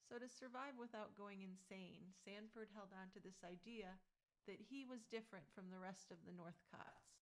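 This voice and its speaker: A woman's voice: mid-range voice, normal speed. A woman co-hosting a true crime podcast, reacting to and commenting on the case.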